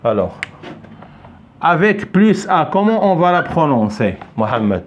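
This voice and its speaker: An older man leads a pronunciation lesson at an unhurried pace, repeating key words and checking in with his pupils. His voice sits somewhat high and swings widely in pitch as he stresses each syllable. He praises and questions a young pupil along the way. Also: sing-song, highs cut off, slight background noise. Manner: patient, repeats himself, checks understanding often. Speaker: French teacher. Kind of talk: recorded French pronunciation lesson.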